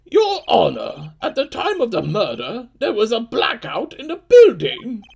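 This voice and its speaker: Woman voicing a raspy, creaky, haughty prosecutor. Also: fairly high pitch, wildly swooping pitch, measured pace, darkish tone, heavily acted. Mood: formal, assured. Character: haughty, dismissive courtroom prosecutor. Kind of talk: fan-dub game voice acting.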